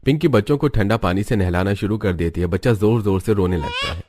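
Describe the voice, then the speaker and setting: A man narrates a cartoon story in a steady, even way. His voice sits very low. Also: brisk. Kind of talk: scripted narration.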